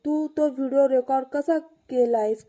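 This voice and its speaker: A woman voicing a concerned young husband who calmly coaxes and questions. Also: high-pitched, moderate pace, natural voice. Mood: coaxing. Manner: coaxing, questioning.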